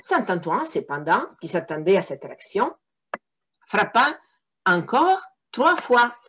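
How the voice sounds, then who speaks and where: A woman reading a fairy tale aloud for children, often pausing to explain words to her listeners. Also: mid-range voice, sing-song, noisy background. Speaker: storyteller.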